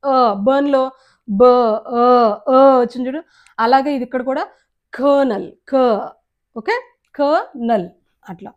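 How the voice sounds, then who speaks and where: A high-pitched woman teaching English pronunciation with a Telugu accent. She talks patiently, stretching out words and repeating each sound so students can copy it. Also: slow pace, pauses often, lo-fi sound. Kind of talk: explanatory lesson on pronunciation.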